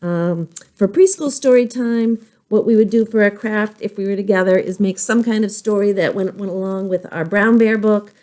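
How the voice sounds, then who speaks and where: A woman's voice: mid-range voice, moderate pace, few pauses, mellow. A woman librarian leading a preschool storytime, singing nursery songs and coaxing small children in an exaggerated, sing-song way.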